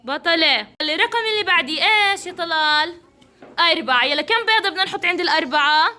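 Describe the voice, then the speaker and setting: A woman's voice: extremely high pitch, expressive, fast talker, bright, forceful tone, a little hiss or hum. A woman teacher, coaxing and praising young children through a counting game. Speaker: preschool teacher.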